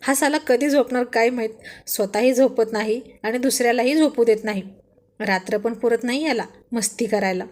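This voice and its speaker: Brief: woman voicing a grumpy sleepy guy who grumbles, highish pitch. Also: normal speed, a little mellow, close to an everyday voice. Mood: grumbling.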